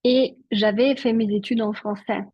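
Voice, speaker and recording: A chatty woman from Switzerland, a native Italian speaker, talks casually as an interview guest and uses lots of fillers like "en fait." Her husky, slightly breathy voice is on the high side, with a steady tone and moderate pace. The sound is dry and a little dull, like a video call, with no room sound.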